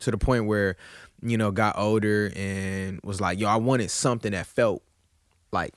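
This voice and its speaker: A man chatting casually as a guest, telling stories in an animated, slangy way with frequent conversational tags. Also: fairly low pitch, moderate pace, smooth, dry recording, clean studio sound. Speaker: podcast guest.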